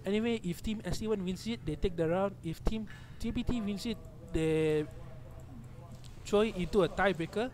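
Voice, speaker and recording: A young Malaysian man with a Malaysian accent commentating a live online tournament match, excitable and often correcting himself mid-phrase. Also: high-pitched, moderate pace. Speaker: esports stream commentator. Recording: noisy background hum.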